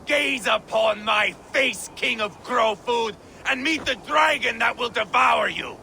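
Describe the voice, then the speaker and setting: An actor playing a ruthless, boastful Viking warlord in a video game, menacing, taunting and foul-mouthed. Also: male voice, extremely high pitch, unhurried, vocal fry, bright, forceful tone, a little hiss or hum, full character voice. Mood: furious, taunting. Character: ruthless boastful male Viking warlord, vengeful and battle-hungry. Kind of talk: video game dramatic acting.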